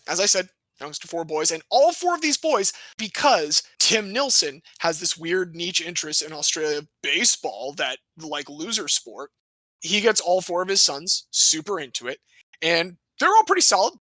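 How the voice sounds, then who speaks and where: Man, podcast co-host, bright voice, dry close mic, playful storyteller. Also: high-pitched, no echo, rough recording. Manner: playful, animated storyteller with jokey asides. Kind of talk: casual sports history storytelling.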